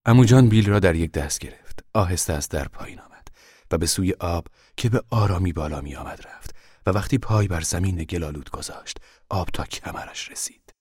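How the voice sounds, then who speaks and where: A man narrating a novel in a calm, measured way, often sinking to a hush. His voice is very low. The recording is dry and close. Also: breathy edge, no room sound. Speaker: audiobook narrator.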